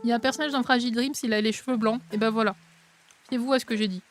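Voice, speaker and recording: A woman casually commenting on a game stream and reading the game's dialogue aloud, expressive and chatty, with a habit of mocking characters. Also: rapid-fire. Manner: chatty and expressive, mocking other characters in exaggerated high tones. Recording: faint game music underneath.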